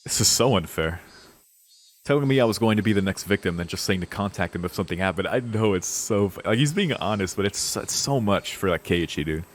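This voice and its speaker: This streamer speaks with a low-pitched, expressive voice at a fairly quick clip, over a faint hiss or hum. As he plays a visual novel, he reads the game text aloud and reacts with crude, casual, deeply invested commentary.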